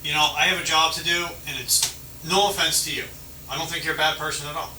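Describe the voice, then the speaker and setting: A male police officer with a slightly high voice and fairly even intonation talks quickly, casually explaining things to a detained person at the roadside in a conciliatory, conversational way. The recording is noisy and roomy, picked up by a distant mic.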